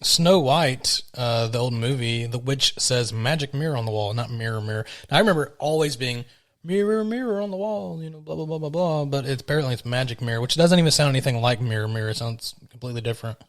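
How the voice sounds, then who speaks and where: A man's voice: medium pitch, fast, hardly any pauses. A man co-hosting a podcast in loose, casual chat, rambling and swearing freely. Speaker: podcast co-host.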